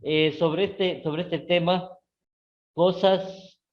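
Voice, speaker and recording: A middle-aged man with an Ecuadorian Spanish accent teaching a live class, often checking in with his students and rising sharply in pitch on key words. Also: drawn-out words, muffled recording. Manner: repeats "¿sí?" and "¿no es cierto?" to check on students; lively, with sudden rises in pitch.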